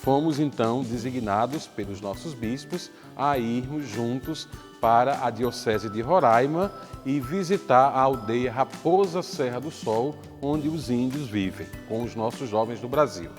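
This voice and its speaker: Middle-aged priest over clear music. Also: male voice, medium pitch, unhurried. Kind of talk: narrated storytelling.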